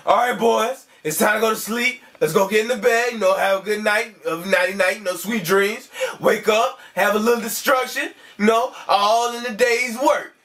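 A man voicing a bossy, excitable male cartoon bird who leads his rowdy flock in a puppet comedy skit. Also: high voice, moderate pace, hardly any pauses. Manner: loud, rowdy, leads the group.

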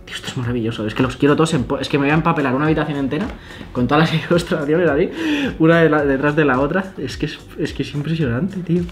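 A young man talks casually and excitedly, gushing and swearing in awe as he pages through an illustration book. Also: a little high, fast, faint music behind. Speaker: illustrator and YouTuber. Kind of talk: casual vlog, flipping through an art book.

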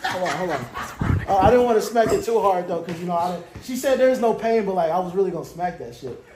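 A man's voice: high voice, expressive, fast talker. A man chatting as a contestant in a dating game, crude and flirty with laid-back slang. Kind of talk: casual chat. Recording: echoey room with background noise.

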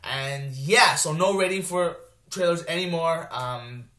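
A man's voice: on the high side, a little slow, bright, forceful tone, roomy sound. A young man casually reviewing a movie trailer for his vlog, rambling with many filler words and restarts. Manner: rambling, lots of ums and restarts. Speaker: movie vlogger.

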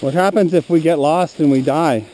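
A man with a somewhat high, mellow voice chats on a forest hike, cracking dry jokes and pointing out rocks. It is recorded on a camera strapped to his head, with faint outdoor noise behind him. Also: moderate pace. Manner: dry, joking, explains rocks and maps. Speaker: hiker filming with a head-mounted camera. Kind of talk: casual chat while hiking. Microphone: head-mounted action camera. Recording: noisy outdoor action-camera audio.

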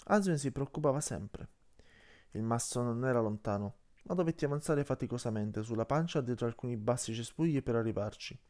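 A man's voice: medium pitch, a little fast. A man reading an audiobook aloud, narrating in the first person and voicing each character. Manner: expressive, voices the characters. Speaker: audiobook reader.

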